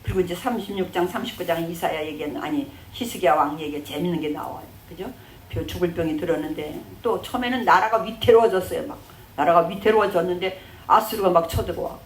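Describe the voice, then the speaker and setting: A woman's voice: fairly low pitch, quick pace, distant mic. Woman pastor, sermon, conversational storytelling, roomy church echo, faint background hiss. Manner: conversational storytelling, acting out quoted speech.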